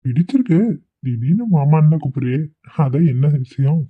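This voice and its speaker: A man's voice: on the high side, animated, normal speed, slightly rough, dry recording. A man voicing an earnest, caring young husband in a cartoon. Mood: tender. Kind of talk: cartoon voice acting. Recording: thin phone-like recording.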